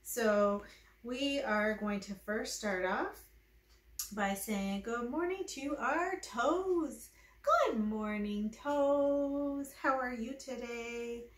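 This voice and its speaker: Middle aged lady doing baby storytime, slow singsong encouraging talk, kinda high voice, echoey room. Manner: encouraging, addressing babies and parents in simple phrases. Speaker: children's librarian leading baby storytime. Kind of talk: singsong children's storytime instruction. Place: living room, indoors. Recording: roomy indoor sound, some music.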